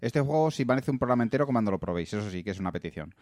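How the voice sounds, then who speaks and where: A man's voice: medium pitch, animated, racing, a little mellow, no echo, clean studio sound. A man co-hosting a podcast, reading listener comments aloud with casual asides. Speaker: podcast co-host.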